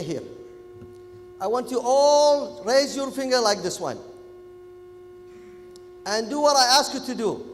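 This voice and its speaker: A man from Kuwait with a Gulf Arabic accent, a native Arabic speaker, giving an animated, informal interactive lecture to students and often checking in with them. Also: very high-pitched, slight background noise. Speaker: public speaking workshop lecturer. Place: echoey event hall. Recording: echoey hall, music in the background.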